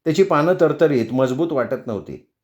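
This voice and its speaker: A man reading a novel aloud as audiobook narrator, in a measured, even way. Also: fairly high pitch. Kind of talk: scripted storybook narration.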